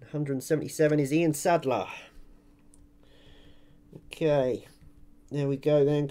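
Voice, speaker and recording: A man with a slightly high voice hosts a casual online giveaway announcement. He commentates on the draw as it goes, informal and chatty. He addresses winners and viewers directly, like a channel owner talking to regulars. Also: darkish tone.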